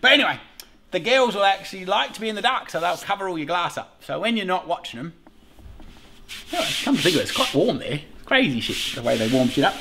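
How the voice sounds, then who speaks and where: A man's voice: high-pitched, very animated, fast talker, pushed and bright, slight background noise. A middle-aged Australian man, a beekeeping vlogger, chatting casually and rambling as he swears and laughs beside his observation hive. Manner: chatty, cheerfully profane, rambles with frequent laughs. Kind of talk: casual rambling vlog talk.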